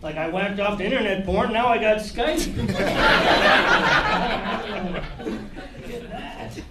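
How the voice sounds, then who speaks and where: A man's voice: high voice, sing-song, very slow, very noisy. A male comedian headlining a club, telling loose, conversational stories and chatting with the audience. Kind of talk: storytelling stand-up. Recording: roomy club, distant mic, loud crowd laughter.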